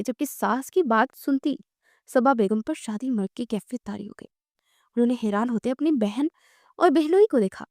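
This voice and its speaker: A woman's voice: on the high side, no echo, studio quality. Woman reading a romance novel aloud. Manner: steady storytelling read-aloud. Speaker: narrator. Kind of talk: scripted narration of a romantic novel.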